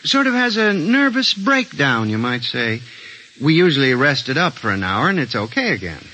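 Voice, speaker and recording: A man's voice: mid-range voice, big pitch swings, normal speed, sharp tone, a little hiss or hum. A man playing a hesitant, earnest statistics clerk who also narrates, in a 1950s radio drama with an old broadcast sound. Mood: nervous. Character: timid middle-aged male statistics clerk. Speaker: narrator and lead character. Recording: muffled lo-fi old radio recording with music.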